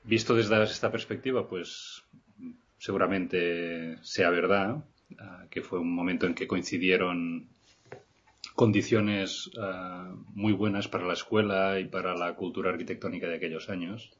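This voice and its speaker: A middle-aged architect from Barcelona, Spain, appears as a guest on an interview podcast, reflecting in a measured, hesitant manner and often restarting his sentences. His voice sits low, steady and slightly rough. The podcast recording sounds a little muffled.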